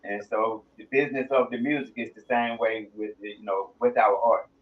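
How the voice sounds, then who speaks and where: A man's voice: on the low side, fairly even intonation, moderate pace. Earnest male artist, muffled audio. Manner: earnest, with many fillers and restarts. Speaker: music artist, guest. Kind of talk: interview answers.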